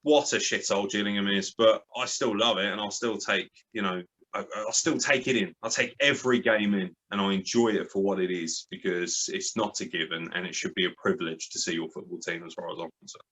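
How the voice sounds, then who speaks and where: A man's voice: on the low side, fairly even intonation, brisk, a bit bright, breathy edge, poor audio. A man telling football stories in a blunt, sweary, passionate way, as an interview guest. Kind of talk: casual storytelling interview.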